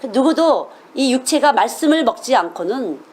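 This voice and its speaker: A woman's voice: high voice, big pitch swings, normal speed, darkish tone, slight background noise. Earnest middle-aged woman preaching. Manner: earnest, emphatic, asks the audience questions. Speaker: children's missionary preacher. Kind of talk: sermon.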